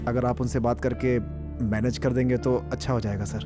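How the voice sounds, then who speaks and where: A deferential aide, voiced by a man in a film dub, polite and careful with his boss. He speaks at a middling pitch. Loud music plays behind him. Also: fairly even intonation, a little fast, close to an everyday voice.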